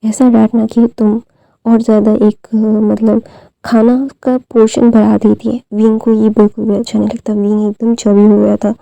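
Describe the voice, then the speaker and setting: A young woman rambles through a fan story retelling in a casual way, full of fillers and restarts. Her voice is dark and gravelly, slightly high, and quite flat in tone. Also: normal speed, no room sound, muffled recording.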